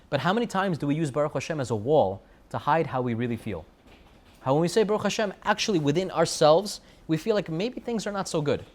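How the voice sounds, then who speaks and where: An American man teaching a Torah lesson in a sermon style, animated and full of rhetorical questions. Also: a little high. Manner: animated, rhetorical questions, sprinkles Hebrew and Yiddish terms.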